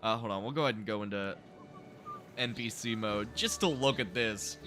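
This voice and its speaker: A man doing casual, excitable gameplay commentary, joking and swearing freely as he tours his theme park. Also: lowish voice, moderate pace. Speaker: streamer showing a theme park build.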